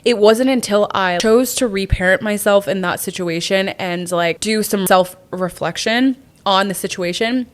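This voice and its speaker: A young woman at an ordinary middle pitch hosts a podcast and talks through dating advice. She sounds candid and reflective, as if she is working through her own feelings, and her speech is loose and full of "like" fillers. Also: measured pace, hardly any pauses, slight background noise. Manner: reflective and confessional, with many "like" fillers. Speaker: podcast host. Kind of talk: candid relationship advice monologue.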